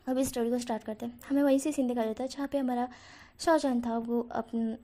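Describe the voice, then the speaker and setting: A woman's voice: on the high side, mellow. Chatty woman narrating a fanfiction story. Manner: chatty, lots of fillers, addresses viewers directly. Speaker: channel host retelling fanfiction. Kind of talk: casual spoken story narration.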